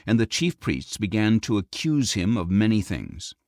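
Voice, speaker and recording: A man with a lowish voice narrates scripture for an audiobook in a measured, expressive storytelling style. The recording is studio quality with no echo.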